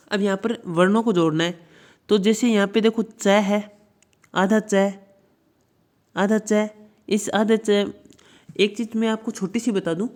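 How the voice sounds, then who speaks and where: A teacher explaining word meanings to children, pronouncing each word slowly and often repeating it. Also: mid-range voice, darkish tone. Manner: slow repeated pronunciation drills; addresses children directly, checks with "ठीक है".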